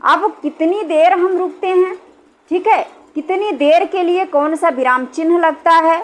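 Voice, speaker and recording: A woman's voice: very high voice, measured pace. A woman teacher explaining a grammar lesson, patient and repetitive, often checking that her students follow along. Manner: patient, repeats points and checks with "thik hai".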